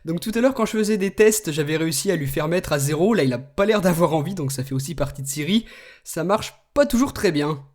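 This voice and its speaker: A man hosting a tech video, explaining a phone's features in a relaxed way and speaking commands to it. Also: a little high, fairly quick. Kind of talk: screen demo tutorial.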